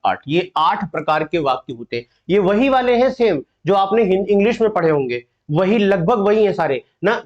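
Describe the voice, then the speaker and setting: High-pitched male tutor teaching an online exam-prep class, questioning students and explaining patiently. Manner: quizzing students and explaining step by step; addresses students fondly as "beta". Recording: dull lo-fi audio.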